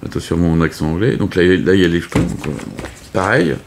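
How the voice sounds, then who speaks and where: A man's voice: deep voice, expressive, fast, vocal fry, noisy background. A man casually explaining a board game setup, hesitant with many fillers and restarts. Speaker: board game video host. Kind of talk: casual unscripted game tutorial.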